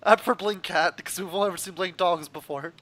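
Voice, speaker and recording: A man playing a tabletop game, excitable and joking. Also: high voice, a little fast. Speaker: player. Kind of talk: casual tabletop game chat.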